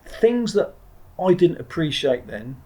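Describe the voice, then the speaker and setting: A middle-aged Englishman who used to train Marines tells his story as a podcast guest, reflecting in an interview. His voice is fairly high and dark-toned, with big pitch swings and an unhurried pace, and he's blunt and digressive, often restarting sentences and occasionally swearing.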